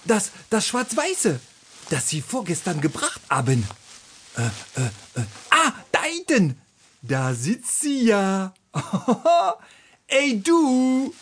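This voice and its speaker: A woman voicing Serge, a vain, boastful rooster, in a children's audiobook; he drops French phrases and talks in a slow, theatrical way. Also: a little high, wildly swooping pitch, a little hiss or hum, full character voice.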